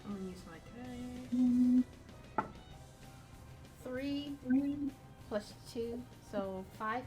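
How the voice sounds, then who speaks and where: A woman's voice: on the high side, extremely slow, over music, rough recording. A woman playing a tabletop role-playing game, chatting casually and thinking aloud.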